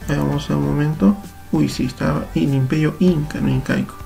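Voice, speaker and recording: Young Peruvian man, patient computer teacher; rough, dark voice over quiet music. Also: fairly high pitch, steady tone, brisk. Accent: Peruvian Spanish. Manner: patient, step-by-step, self-correcting. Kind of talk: screen-recorded software tutorial.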